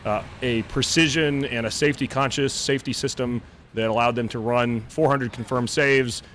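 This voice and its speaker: A man's voice: mid-range voice, steady tone, moderate pace, fairly bright tone, a little hiss or hum. A man being interviewed on live radio as a company president, earnest and repeating words as he thinks.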